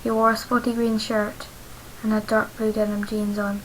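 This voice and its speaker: A woman reading her own fanfiction aloud in a careful, unhurried amateur style. Her voice sits in a middle register and stays flat and even, with little rise and fall. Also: mid-range voice, a little hiss or hum, poor audio. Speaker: fanfiction reader.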